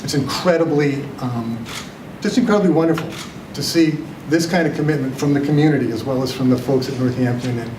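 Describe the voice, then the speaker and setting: A man's voice: mid-range voice, fairly quick. An older man, a retiring college vice president, giving a heartfelt thank-you speech with hesitant ums. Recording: echoey room from far off, noisy.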